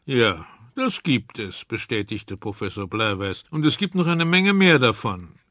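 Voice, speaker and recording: A man's voice: mid-range voice, sing-song, measured pace, a bit bright, dry recording, clean studio sound. A man voicing an absent-minded old male professor and inventor who mumbles when flustered and grows eager about his inventions. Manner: distracted, mumbling, then eager.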